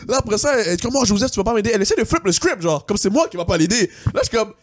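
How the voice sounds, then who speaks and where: Fast-talking young Québécois man telling a story. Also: sits high, no room sound. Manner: animated, mixes English slang into French. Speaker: podcast host. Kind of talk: casual storytelling.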